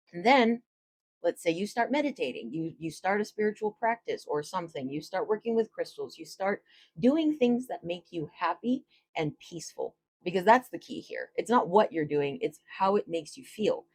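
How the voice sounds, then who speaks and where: A low-voiced, slightly rough woman, a tarot reader, talks to camera casually and reflectively, gently explaining spiritual ideas.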